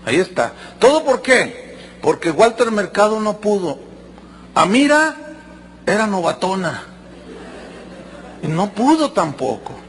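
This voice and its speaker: A man's voice: high voice, a little slow, long pauses, breathy edge. A man preaching a sermon, acting out quotes and joking with the congregation. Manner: animated, acts out quotes and jokes with the congregation.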